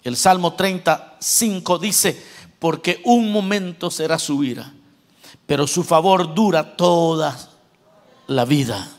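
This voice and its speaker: A male pastor preaching a sermon, swinging between loud exhortation and quiet, joking asides to the congregation. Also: fairly high pitch, takes it slowly.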